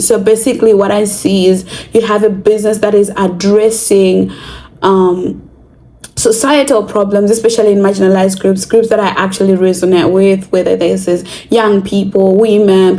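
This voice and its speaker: A woman's voice: medium pitch, warm tone, low-quality recording. A young adult woman from Zimbabwe, talking earnestly and reflectively to camera in a casual vlog. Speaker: vlogger.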